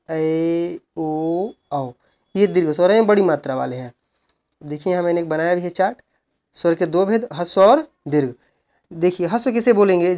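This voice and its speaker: A male teacher giving an exam-prep grammar lesson, who asks questions and answers them himself while explaining slowly and repeating key points. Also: high voice, a little mellow. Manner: slow, repeated explaining with frequent "look" and "okay".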